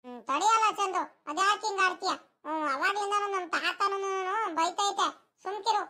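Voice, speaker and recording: A voice actor playing a whiny village schoolboy in an animated cartoon, complaining in rural speech. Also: extremely high pitch, normal speed, full character voice. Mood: whining.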